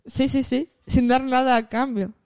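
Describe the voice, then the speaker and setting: A woman co-hosting a casual comedic podcast chat, with dark, deadpan sarcasm. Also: sits high, normal speed, clean tone, no echo, clean studio sound. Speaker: podcast co-host.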